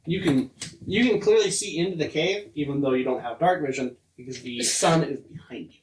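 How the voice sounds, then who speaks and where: A man's voice: fairly high pitch, fairly quick, a little hiss or hum. A man serving as game master, narrating a tabletop game with descriptive, playful narration. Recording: roomy, distant mic.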